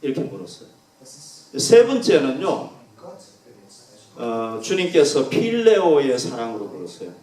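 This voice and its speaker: A man preaching a sermon as pastor, earnest and emphatic, swinging from loud stresses to soft, quiet endings. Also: mid-range voice, big pitch swings, unhurried, long pauses. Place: church sanctuary. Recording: echoey church room from a distance.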